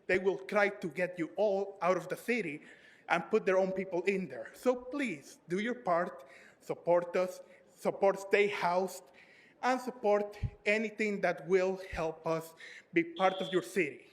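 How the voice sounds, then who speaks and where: A man speaks as a tenant at a city council meeting, plain-spoken and pleading. His voice is pitched very high for a man. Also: a little slow. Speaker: tenant giving public comment. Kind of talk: public comment.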